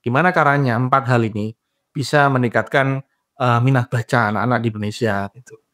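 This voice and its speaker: Young man guest, chatty explainer, acts out quoted exchanges, mid-pitched voice. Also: a little fast. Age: young adult. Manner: lively explainer who acts out dialogues and laughs at his own points. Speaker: guest, graduate psychology student and trainer. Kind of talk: casual interview talk.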